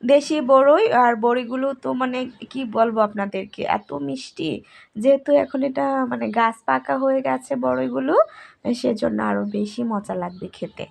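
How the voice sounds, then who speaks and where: A hoarse woman chatting casually to her viewers as a cooking vlogger, recorded outdoors under a fruit tree. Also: high-pitched, moderate pace. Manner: chatty, addresses viewers directly. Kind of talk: casual vlog narration.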